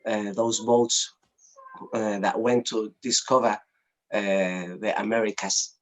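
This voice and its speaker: A man in his thirties with a Spanish accent, an imam being interviewed on a video call, speaking haltingly with many fillers and restarts. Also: on the low side, little pitch movement, poor audio. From Spain. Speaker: imam and madrasa founder. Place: small indoor room.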